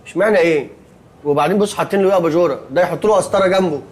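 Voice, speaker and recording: An actor playing a fussy, anxious young man in a TV comedy, speaking with an Egyptian accent and quick to protest. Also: sits high, darkish tone, a little hiss or hum, close to an everyday voice. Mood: jittery. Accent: Egyptian Arabic. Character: jittery, fussy young man sharing a hotel room. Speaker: sitcom character. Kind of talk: TV comedy acting.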